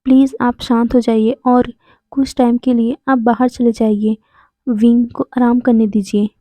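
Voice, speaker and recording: Woman voicing a calm formal male doctor. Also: fairly high pitch, measured pace, no room sound, lightly acted. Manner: formal, soothing. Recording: dull lo-fi, dry sound.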